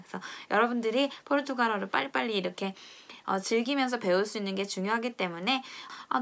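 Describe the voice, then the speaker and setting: A young woman teaching pronunciation in a friendly video lesson, explaining patiently and drilling sounds slowly for viewers to repeat. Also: fairly high pitch, gravelly, bright, forceful tone. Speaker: language teacher.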